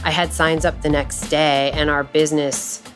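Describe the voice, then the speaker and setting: Chatty low-voiced woman fair vendor. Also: level tone, normal speed, over music. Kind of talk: casual storytelling.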